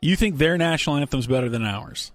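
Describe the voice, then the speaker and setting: A man's voice: a little high, animated, fairly quick, no echo, faint music behind. Guy hosting sports radio, chatty rambling, jokes around, dry studio sound. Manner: rambling, jokey, reads listener emails aloud. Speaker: radio host. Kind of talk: casual sports radio chat.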